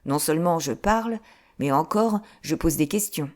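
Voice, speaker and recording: A woman reading an audiobook, voicing a calm young adventurer with a dry, witty manner, close to her own voice. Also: deep voice, moderate pace.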